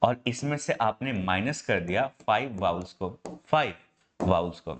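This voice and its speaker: A man's voice: fairly low pitch, animated, normal speed, slight background noise. Guy teaching english in hindi, indian accent, keeps saying my brother, asks the class questions. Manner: explains step by step, calls students "my brother"; asks students rhetorical questions. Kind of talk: online class lecture in Hindi.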